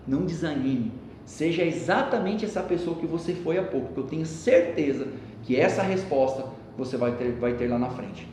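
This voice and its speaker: A man voicing a calm, patient old sage who speaks slowly, low and quietly. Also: natural voice. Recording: echoey hall with faint rumble.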